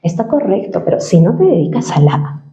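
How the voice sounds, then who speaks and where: A woman's voice: medium pitch, big pitch swings, a little fast, dark tone, soft background music. A woman who works in voice-over and dubbing, explaining voice exercises in an interview and often ending points with a questioning tag. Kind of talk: interview, giving voice-training advice. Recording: roomy, slightly dull sound.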